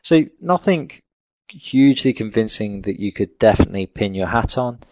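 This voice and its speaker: A man lecturing on a clinical case over slides, in a measured, technical way with frequent fillers. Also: on the low side, expressive, darkish tone, no echo. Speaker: veterinary lecturer. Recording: dull lo-fi dry recording.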